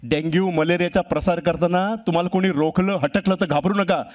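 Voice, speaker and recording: A man's voice: sits high, fairly even intonation, a little fast, close to an everyday voice. A man voicing a father mosquito who boasts about his connections and reassures his children. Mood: boastful.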